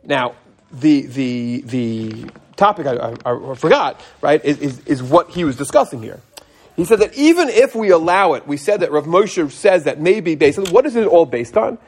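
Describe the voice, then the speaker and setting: A middle-aged rabbi with a somewhat high-set voice leads an informal class. He talks in an animated, conversational way, posing rhetorical questions and answering them himself. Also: moderate pace, husky. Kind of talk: informal religious law lecture.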